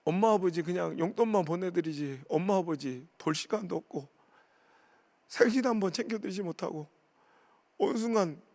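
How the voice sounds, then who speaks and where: A man in his forties, a pastor preaching a revival sermon, telling family stories in a lively way and acting out the voices of his relatives. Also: high-pitched, creaky. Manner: animated storytelling, acting out family members' voices.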